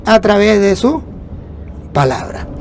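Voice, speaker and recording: Very animated yet slow, a man preaches emphatically in a slightly mellow voice that sits above most men's range. He keeps asking rhetorical questions and answering them. Faintly, the rumble of a moving bus hums below.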